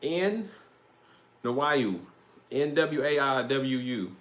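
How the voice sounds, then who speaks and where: A man's voice: mid-range voice, animated, slow pace, fairly bright tone. Man, young adult, casual football commentary, rambling, slangy, cursing. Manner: rambling, slangy, swears freely. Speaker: host.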